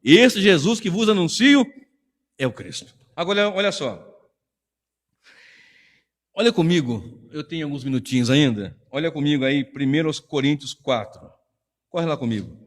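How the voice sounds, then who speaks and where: Lively preaching man with Brazilian accent. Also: mid-range voice, moderate pace, long pauses. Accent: Brazilian Portuguese. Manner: emphatic, conversational preaching with rhetorical questions. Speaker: pastor. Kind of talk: sermon. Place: church hall. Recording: long church reverb.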